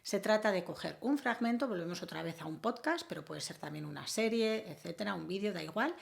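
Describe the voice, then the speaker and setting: A woman teaching English, giving a measured explanatory video lesson. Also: medium pitch, lively intonation. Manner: clear, measured explaining with occasional fillers.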